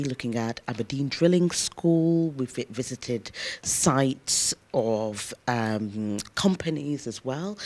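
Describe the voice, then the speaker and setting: A woman lecturer answering interview questions in an earnest, emphatic way, often pausing with "um" as she thinks aloud. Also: sits low, darkish tone. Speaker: interview guest, university lecturer.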